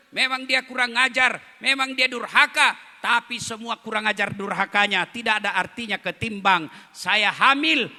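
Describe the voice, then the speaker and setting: A wounded, stubborn old mother, put on by a male preacher, airing grievances in a high, bright, piercing voice. She complains bitterly and holds her ground. The voice rings out in a reverberant hall. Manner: aggrieved complaining, then shrill desperate pleading.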